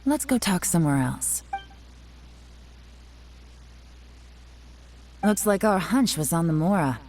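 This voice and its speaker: A woman voicing a shrewd, composed female investigator in a video game, measured and knowing. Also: fairly low pitch, big pitch swings, a little mellow. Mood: wry, suspicious. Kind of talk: video game character acting.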